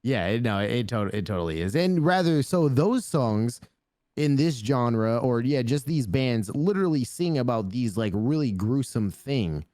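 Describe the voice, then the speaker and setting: A man's voice: medium pitch, animated, moderate pace, darkish tone, no echo. A young man co-hosting a casual podcast, joking, swearing and wandering off on tangents. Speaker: podcast co-host. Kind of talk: casual chat.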